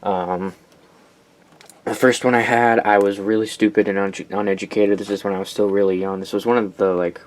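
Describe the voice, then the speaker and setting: Somewhat quick and flat in delivery, a lowish male voice belongs to a young American hobbyist presenting his weather radio collection in a casual, rambling way with enthusiastic side comments.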